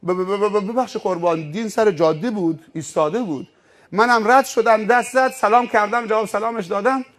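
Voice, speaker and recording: Preacher doing a scared rich driver, stammering, sorry sir sorry, highish voice. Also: male voice, fairly bright tone. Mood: pleading. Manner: stammering, apologetic pleading. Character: frightened rich male driver, fawning and stammering.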